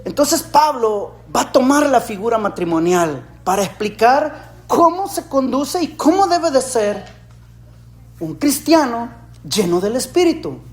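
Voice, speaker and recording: A man from El Salvador, preaching a sermon in an animated way, with rhetorical questions and jokey asides. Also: extremely high pitch, measured pace. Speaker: pastor.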